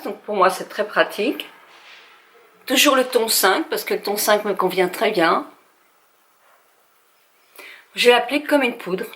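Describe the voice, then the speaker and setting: A woman's voice: mid-range voice, fairly bright tone. An older woman from France chatting through a makeup tutorial at home, talking straight to her viewers with frequent hesitations. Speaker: beauty vlogger.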